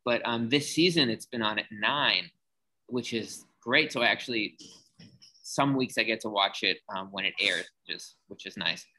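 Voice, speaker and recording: A man's voice: fairly low pitch, normal speed, pushed and bright, poor audio. A man hosting a podcast, chatting casually and laughing easily with a guest. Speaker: podcast host. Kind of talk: casual interview chat.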